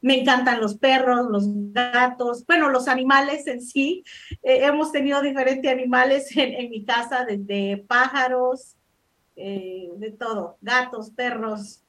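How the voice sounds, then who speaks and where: Slow-speaking woman from El Salvador. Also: sits high, fairly even intonation, fairly bright tone. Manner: modest, hesitant with many fillers. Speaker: life coach. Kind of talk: interview answers.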